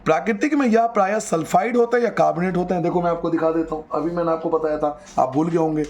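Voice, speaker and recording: A male teacher giving a chemistry lesson, lively and coaxing, repeating key terms and talking straight to his students. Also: fairly high pitch, fast talker, noisy background.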